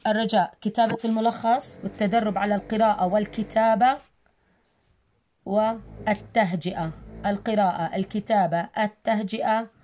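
A woman teacher giving a recorded first-grade science lesson, slowly repeating words and sounding them out for young children. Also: medium pitch, fairly even intonation, warm tone, a little hiss or hum. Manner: slow, repetitive drilling of words with spelling. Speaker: primary school teacher.

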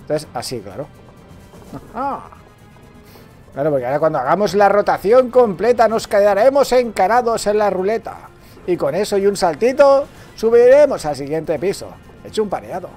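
Excitable Spanish man yelling at a game. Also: sits high, moderate pace, faint music behind. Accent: Valencian Spanish. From Spain. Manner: excitable, joking, shouts and yelps at the game. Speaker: gaming streamer. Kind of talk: casual gameplay commentary.

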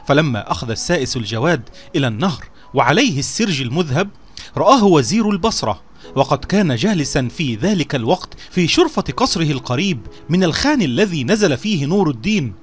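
Expressive male storyteller over soft music. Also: fairly high pitch, fast talker, slightly rough. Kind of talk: scripted storybook narration.

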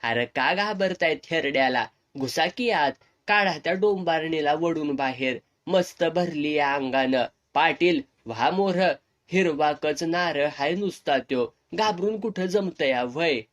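A brash, drunken young village man voiced by a male narrator taunts in coarse rural dialect. His voice sits a little high and comes out loud. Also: moderate pace, lightly acted. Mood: goading. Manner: rough rural dialect, jeering.

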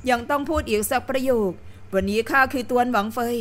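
A woman reading the part of a composed young noble consort who speaks in a soft, sweet, measured tone while setting someone straight. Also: on the high side, lightly acted. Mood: gently reproving. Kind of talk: audiobook character reading.

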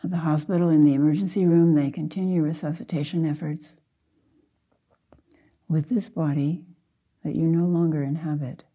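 Her voice sitting low and steady, an older woman acting as a Zen teacher leads a guided meditation. She talks softly and gently, using short, measured phrases and long pauses.

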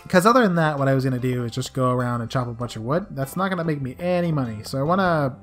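A woman's voice: extremely low pitch, animated, rapid-fire. A young woman with a scratchy voice giving playful, chatty commentary as she hosts a let's play. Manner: playful, chatty, talks to game characters. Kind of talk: casual game commentary. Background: soft game music.

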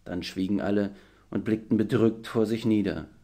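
A man reading a children's book aloud as an audiobook narrator, with a measured, expressive delivery. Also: on the low side. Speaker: audiobook reader. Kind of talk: storytelling narration.

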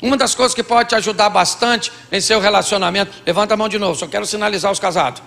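Gravelly bright-voiced Brazilian pastor preaching. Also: male voice, sits high, fast, in a large hall. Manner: acts out both sides of couples' dialogues, jokey. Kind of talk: comic sermon on marriage. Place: large church hall with audience.

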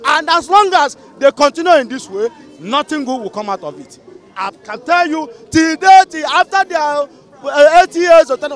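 Indignant middle-aged Nigerian man, very high pitch, street vox pop. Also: animated, normal speed, a faint crowd. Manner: indignant, rhetorical questions. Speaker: passer-by in street interview. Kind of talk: heated street opinion. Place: busy city street outdoors. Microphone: handheld mic held by interviewer.

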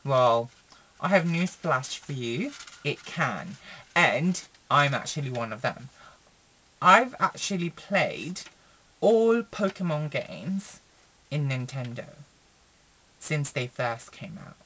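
A young man talks straight to his webcam from a small room, in a mid-range voice. His delivery is chatty and meandering, full of fillers, restarts and sudden expressive jumps in pitch. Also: slow, pauses often. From Philippines. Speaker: vlogger. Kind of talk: casual chat to camera.

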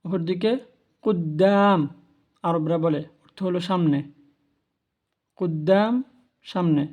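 A man talks through a language lesson at an unhurried, careful pace, repeating each word so learners can follow. His voice sits high for a man yet sounds mellow and soft-edged, and he keeps the tone patient and instructive throughout. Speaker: language teacher. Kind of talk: spoken lesson on Arabic pronunciation.

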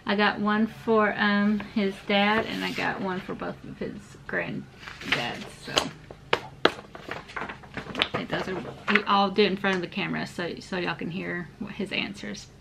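A mother who hosts a channel chats casually at home over dinner, patiently coaxing answers out of her young child for a home vlog. Her voice is mid-range and gravelly, with a steady, unhurried tone. Loud background noise fills the recording.

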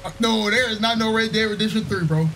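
A man's voice: sits high, fast talker, fairly bright tone, soft background music, low-quality recording. A young man live streaming a game, chatting casually in laid-back slang and calling everyone "bro".

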